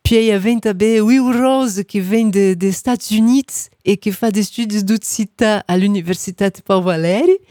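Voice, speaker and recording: A woman from Brazil hosting a radio interview, lively and mixing Portuguese with Occitan. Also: medium pitch, moderate pace, few pauses, no room sound, studio quality. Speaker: radio host.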